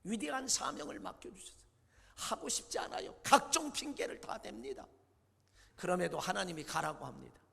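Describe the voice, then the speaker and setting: Male pastor, Sunday sermon; high, gravelly, bright voice; dramatic storytelling with loud peaks and hushed drops; long church reverb. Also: sing-song, brisk. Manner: dramatic retelling with acted quotes, swings between loud outbursts and low hushed lines. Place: church sanctuary.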